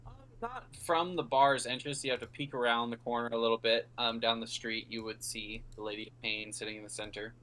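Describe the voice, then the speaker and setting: A man's voice: mid-range voice, fairly even intonation, brisk, hardly any pauses, pushed and bright. A man narrating as game master, describing scenes in a rambling way with many fillers.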